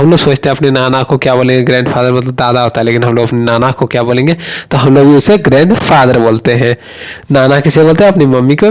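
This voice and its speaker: A man giving an online lesson, teaching English words for family members and asking himself rhetorical questions as he explains. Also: mid-range voice.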